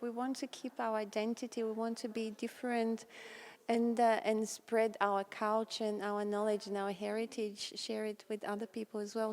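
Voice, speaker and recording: A woman from Bulgaria, answering interview questions in an earnest, chatty way with many fillers. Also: fairly high pitch. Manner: earnest, warm storytelling with fillers. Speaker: interviewee, folk dancer.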